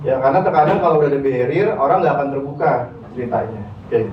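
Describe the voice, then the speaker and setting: In a university classroom, a medium-pitched man leads a relaxed public speaking workshop, talking in an animated, rapid-fire way straight to his students. English terms pop up throughout his chatty delivery. The audio is lo-fi and muffled, with room echo, a far-off mic, and faint noise.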